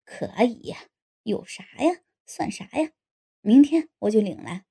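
Taking a measured pace, a woman gives an animated, exaggerated audiobook voice to a drunk, gullible married man who is by turns sheepish and boastful. Her low, husky delivery has a warm tone and a tipsy, bragging mood.

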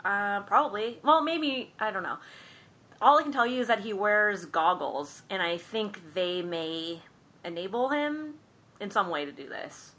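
Bright-voiced woman retelling a film plot. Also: mid-range voice, a little slow. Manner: animated storyteller, acts out characters' lines, laughs often. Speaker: podcast co-host recapping a film. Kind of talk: casual chat.

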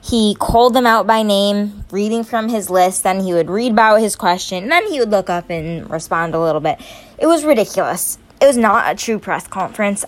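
A young woman vlogging her opinions on politics, growing emphatic and stumbling over her words as she gets worked up. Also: medium pitch. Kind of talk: casual opinion commentary.

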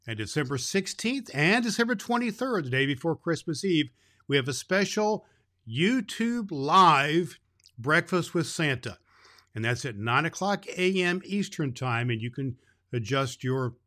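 A man playing Santa Claus as a jolly, grandfatherly old man, talking kindly and haltingly to children as host of a Christmas story show. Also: mid-range voice, pushed and bright. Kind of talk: unscripted, folksy address to child listeners.

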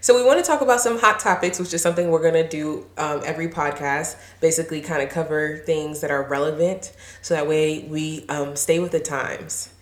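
Low-voiced young woman podcast co-host. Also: a little fast, few pauses, reverberant. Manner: relaxed, talkative, laughs often. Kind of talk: casual chat.

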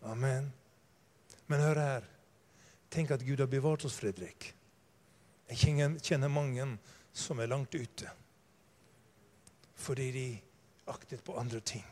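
An older man preaching a sermon, telling stories and swinging from quiet asides to loud, fervent emphasis. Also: mid-range voice.

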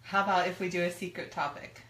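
A woman's voice: fairly low pitch, fairly even intonation, fairly bright tone. Chatty woman in an echoey room. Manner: chatty, quick to laugh. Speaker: co-host of a live stream. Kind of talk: casual chat.

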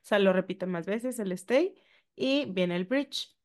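Slow-talking Mexican woman podcaster. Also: mid-range voice, a little mellow. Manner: slow, singing lyric snippets. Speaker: podcast co-host. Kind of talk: casual chat about song lyrics.

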